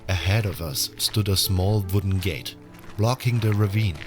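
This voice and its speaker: A man playing a newly arrived, wary prison inmate who narrates his own story in a measured audio drama style. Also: on the low side, close to an everyday voice. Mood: measured, reflective. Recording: music under the voice.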